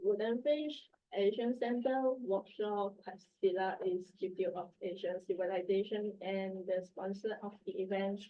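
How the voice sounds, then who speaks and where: A woman with a sick voice, clearing her throat, reading an academic paper in at a lecture-room symposium. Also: mid-range voice. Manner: reads a prepared paper, measured. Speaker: academic presenter. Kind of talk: conference paper presentation. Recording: distant, dull room mic.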